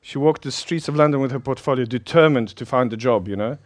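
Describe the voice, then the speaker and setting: Speaking quickly at a medium pitch, this middle-aged pastor from South Africa, born in Poland, delivers a casual sermon in his South African accent. He's talkative, pokes fun at himself, and laughs a lot. The recording has no room sound.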